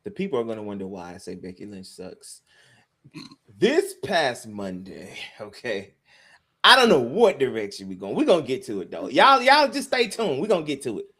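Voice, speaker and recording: A man's voice: lowish voice, moderate pace, slightly rough. A man co-hosting a livestream over a video call, joking around and trash-talking in casual chat. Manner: animated, joking trash talk. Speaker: livestream co-host.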